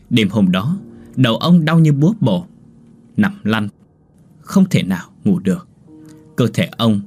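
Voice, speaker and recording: Husky man narrating a horror story. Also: mid-range voice, darkish tone. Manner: dramatic, vivid.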